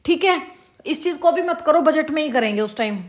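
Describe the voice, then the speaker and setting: A woman teacher giving an exam-prep lesson, repeating each question slowly and drilling the answers for her students. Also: high voice, animated. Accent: Haryanvi-tinged Hindi. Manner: addresses students as beta.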